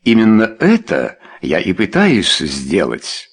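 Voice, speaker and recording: A man doing a pompous, guilty gentleman. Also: low voice, huge pitch swings, takes it slowly, breathy edge, heavily acted. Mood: confessing. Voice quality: pompous, then mumbling.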